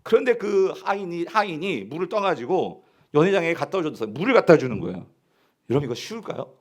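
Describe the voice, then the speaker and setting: Animated high-voiced male pastor preaching. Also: fairly quick. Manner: animated, asks the congregation questions and answers them; acts out characters' quoted lines. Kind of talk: sermon. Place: church sanctuary.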